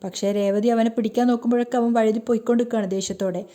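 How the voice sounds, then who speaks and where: A woman narrating a recap of a TV serial episode, retelling scenes with lively quoted dialogue. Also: on the high side, rapid-fire. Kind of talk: storytelling recap.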